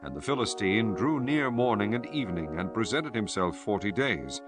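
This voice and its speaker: A man giving a solemn, measured dramatized narration of scripture as a storyteller. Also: fairly low pitch, lively intonation, music in the background.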